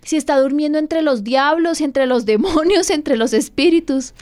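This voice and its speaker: Woman pastor-host, earnest and pleading, slightly high voice. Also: moderate pace, darkish tone, soft background music.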